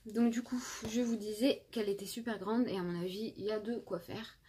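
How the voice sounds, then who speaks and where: A young woman in her twenties talks through her makeup haul in a relaxed, chatty way, stopping often on fillers and restarting her sentences. Her voice is slightly husky at an ordinary middle pitch, picked up by a phone camera indoors. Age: 20s. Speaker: beauty vlogger. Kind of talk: casual makeup haul review.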